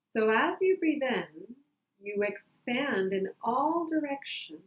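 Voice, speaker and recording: A woman leading a calm grounding exercise as a meditation guide, speaking gently and unhurriedly with long pauses. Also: mid-range voice. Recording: roomy, echoing sound.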